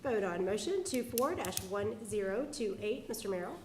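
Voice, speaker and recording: A woman clerk reading resolutions and calling the roll at a county board meeting in a measured, plain way. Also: medium pitch, expressive, reverberant, slight background noise, low-quality recording. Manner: measured, reads items aloud plainly. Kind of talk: formal meeting procedure. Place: public meeting room.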